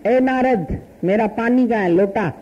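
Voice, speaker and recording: A woman speaking as a calm, chiding god. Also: on the high side, measured pace, dull audio, slight background noise, natural voice. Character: god as calm, teasing elder man.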